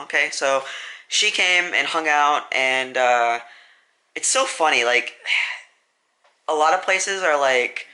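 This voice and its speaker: A young man tells a story to his vlog audience in a loose, rambling way, full of "like" and "um" and frequent self-corrections. His voice is very bright, at a middle pitch. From US Midwest. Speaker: vlogger.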